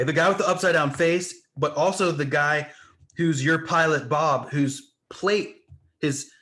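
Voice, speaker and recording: A man's voice: fairly high pitch, a bit bright. A man co-hosting a comic book podcast, talking casually and acting out the panels with sound effects. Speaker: podcast co-host.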